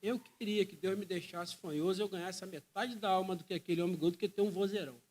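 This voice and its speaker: A man's voice: high voice, steady tone, fast talker, darkish tone. A man with a Brazilian Portuguese accent preaching a sermon, fervent and emphatic, often repeating phrases and calling listeners brother.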